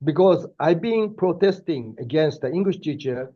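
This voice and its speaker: With dull audio, we hear an older man with a Japanese accent lecturing at a university and sharing personal anecdotes. His slightly high voice has lively intonation. Thoughtful yet hesitant, he keeps restarting and leaning on fillers.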